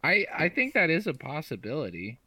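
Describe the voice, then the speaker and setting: A man co-hosting a casual sports podcast, hoarse from losing his voice, joking dryly and clearing his throat. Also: a little high, huge pitch swings, a little fast, background noise. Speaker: podcast co-host.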